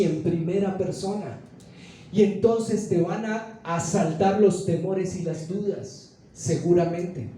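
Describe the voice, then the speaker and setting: A man's voice: sits high, warm tone, recorded from a distance, a little hiss or hum. A man with a Colombian accent preaching a sermon, telling a scripture story and acting out its dialogue. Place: church sanctuary. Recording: echoey church hall, speaker away from mic.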